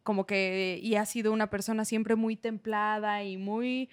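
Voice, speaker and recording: A woman's voice: mid-range voice, little pitch movement, a little slow, no room sound. A woman with a Mexican accent hosting a casual podcast chat, self-mocking and playful. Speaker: podcast host.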